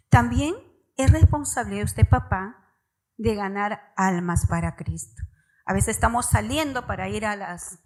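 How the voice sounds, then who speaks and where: A woman's voice: medium pitch, darkish tone, rough recording. A woman preaching a sermon at a church service, speaking straight to the parents and stressing her key words. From Peru.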